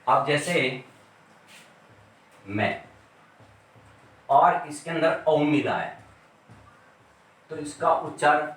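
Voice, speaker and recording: A man teaching a grammar lesson in a slightly high voice. He speaks slowly and deliberately and repeats each word as he writes on the board. He is picked up by a camera well back in an echoey classroom. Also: expressive, fairly bright tone, recorded from a distance. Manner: slow, deliberate, repeats words while writing on a board.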